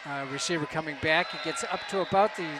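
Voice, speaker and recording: High-voiced man calling football plays. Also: fast. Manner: calls plays, rising to shouts on big runs. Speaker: play-by-play announcer. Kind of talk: local football commentary. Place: outdoor high school football stadium. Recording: outdoor stadium with crowd and noise. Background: crowd and field noise.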